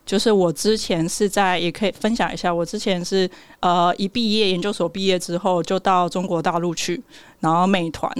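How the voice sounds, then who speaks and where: A young man with a Taiwanese Mandarin accent and a soft, cutesy lilt, talking casually as an interview guest. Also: sits high, fairly even intonation, fairly quick, smooth, dry recording. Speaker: guest, app startup founder.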